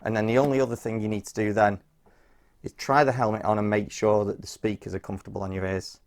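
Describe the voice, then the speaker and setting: Presenting a how-to product guide, a man narrates a hands-on task step by step in an informal, practical way. His voice is on the low side, his delivery flat, and he moves at a quick pace.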